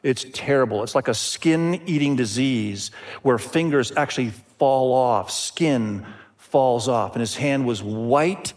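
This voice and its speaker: Earnest pastor preaching a sermon. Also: male voice, mid-range voice, a little slow. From Indonesia. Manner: earnest, repeats phrases, calls out to the congregation.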